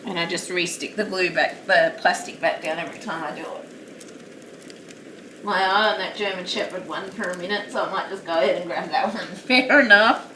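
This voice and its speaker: A woman with a loud, lowish voice rambles at a moderate pace while crafting at home during a live stream. She's chatty and self-deprecating. The mic is distant in a roomy space, with a steady hiss underneath.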